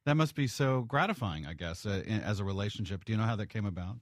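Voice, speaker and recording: Low-voiced male radio host. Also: animated, fast talker, no echo, studio quality. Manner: hesitant, stammering questions. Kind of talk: radio interview.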